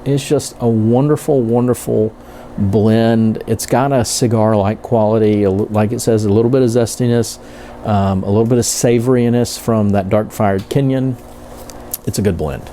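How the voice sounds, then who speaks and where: A man giving a casual, rambling product review, halting and correcting himself as he goes. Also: on the low side, steady tone, warm tone, a little hiss or hum. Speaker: pipe tobacco reviewer.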